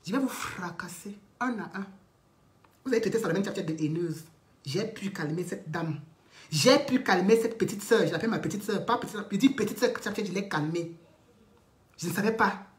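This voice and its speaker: A woman, ranting defiantly on a live stream, repeating herself and swinging from loud declarations to low muttered threats. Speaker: online commentator. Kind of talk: impassioned live-stream rant.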